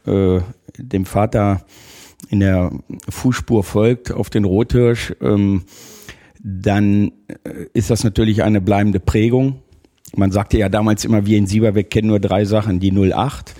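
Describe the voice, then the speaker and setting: A man in his fifties, from Germany, telling his life story as an interview guest, relaxed and with frequent hesitations. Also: on the low side. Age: 50s. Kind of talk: conversational interview.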